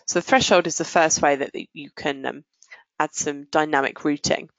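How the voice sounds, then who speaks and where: Her voice is deep and steady in tone as she walks through a software demo in a chatty, explanatory way. She pauses often and stretches her words. There is no room sound, but the recording is dull and muffled.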